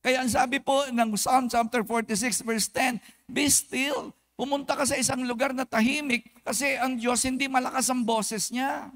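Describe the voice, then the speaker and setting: A man with a Filipino accent, a pastor preaching an animated sermon at a church service and acting out quick comic exchanges. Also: extremely high pitch.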